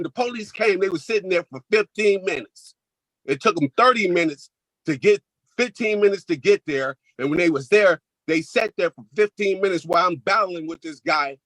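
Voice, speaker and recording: A man's voice: sits high, a bit bright, dry recording, low-quality recording. Heated man giving a courtroom statement. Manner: heated, emphatic, repeats himself. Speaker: crime victim giving a statement. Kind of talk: courtroom victim impact statement. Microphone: video call.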